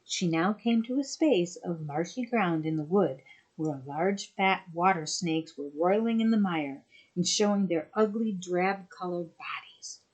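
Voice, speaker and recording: A woman storyteller reading a fairy tale aloud in an expressive way. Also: on the low side, unhurried.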